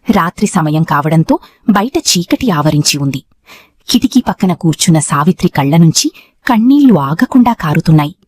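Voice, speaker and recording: A woman storyteller narrating a dramatic family tale with emotive, expressive delivery. Her voice sits a little low and is husky, and her pitch moves a lot.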